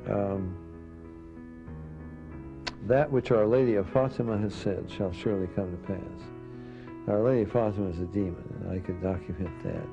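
A man's voice: fairly low pitch, normal speed, vocal fry, long pauses. A man giving an assertive, warning teaching talk on a dull lo-fi recording with music.

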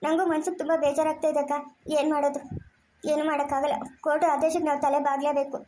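A woman's voice: high-pitched, little pitch movement, fast talker, mellow, slight background noise, natural voice. A woman playing a caring younger sister who coaxes and comforts her crying sibling. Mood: soothing. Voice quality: soothing, coaxing. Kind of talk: amateur family drama acting.

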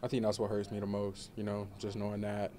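A young man in his twenties, a college football player, answering questions in a relaxed postgame press interview, with many fillers. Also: fairly low pitch, a little fast. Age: 20s. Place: indoor media room before a banner.

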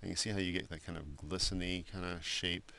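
A man giving a screen-recorded software drawing tutorial, talking loosely with many fillers and restarts. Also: sits low, steady tone, a little fast, gravelly, a little hiss or hum. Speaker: art instructor.

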